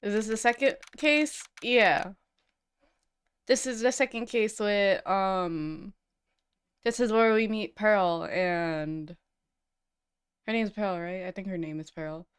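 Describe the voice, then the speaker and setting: A woman's voice: mid-range voice, takes it slowly, long pauses, clear, resonant tone. A woman streaming a game, chatting and thinking aloud with frequent restarts, her voice groggy from a nap. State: groggy morning voice after a nap. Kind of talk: let's-play commentary, reading game dialogue aloud.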